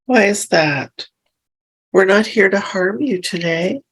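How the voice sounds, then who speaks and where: A woman leading a hypnosis session, speaking softly and reassuringly as she gently asks questions. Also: mid-range voice, husky, low-quality recording. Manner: soft, slow and soothing, reassuring. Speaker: hypnosis practitioner.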